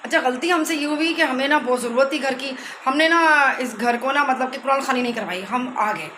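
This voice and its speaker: A middle-aged woman chats through a casual home vlog. She talks in an animated way as she walks about her rented house with a phone camera. Faint household noise sits behind her voice. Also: high-pitched, fairly quick, roomy sound, rough recording. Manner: chatty and animated, retelling arguments. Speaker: vlogger.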